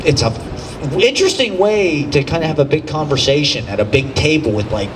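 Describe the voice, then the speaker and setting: A male host with a high voice gives casual, rambling and effusive introductions to performers. He is a bit far from the mic, with clear outdoor noise around him. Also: lively intonation, a little fast. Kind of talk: casual live stage announcing. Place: outdoor rooftop show. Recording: distant mic, loud open-air noise.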